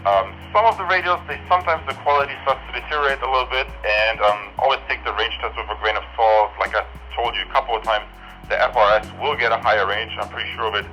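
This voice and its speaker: Over band-limited walkie-talkie audio with music in the background, a man running a range test for a product review repeats his test phrases. He's a fast talker with a lowish, sharp-toned voice, and the recording quality is low.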